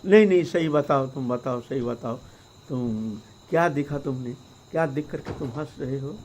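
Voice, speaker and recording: A man's voice: medium pitch, moderate pace, a little mellow, a little hiss or hum, lightly acted. A man voicing a daughter who insistently presses her father for an answer.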